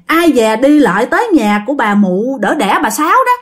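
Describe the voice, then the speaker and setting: A woman's voice: sits high, very animated, normal speed. A woman with a Southern Vietnamese accent voicing an old village shopkeeper woman who stammers in fright. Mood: agitated. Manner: stammering, breathless exclamations.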